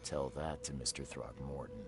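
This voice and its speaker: An actor playing a world-weary, hard-boiled private detective in a video game, terse and dry. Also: male voice, extremely low pitch, fairly even intonation, moderate pace, over music. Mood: stern, pressing.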